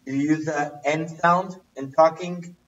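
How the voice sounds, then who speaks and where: High-voiced man teaching from a distance. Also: steady tone, unhurried, a bit bright. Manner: quizzing, repeats questions. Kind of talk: casual language lesson. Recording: distant, muffled livestream audio.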